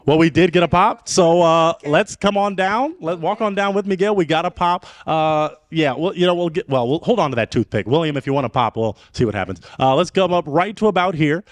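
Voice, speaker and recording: A man hosting a dating game show, talking in animated emcee patter. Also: a little high, fairly quick, hardly any pauses, no echo.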